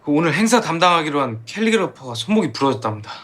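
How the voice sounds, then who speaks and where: Chatty, fussy male office editor for TV drama; highish pitch, lively swings. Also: rapid-fire. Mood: flustered. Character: eager, chatty male publishing editor, deferential to boss. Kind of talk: Korean TV drama acting.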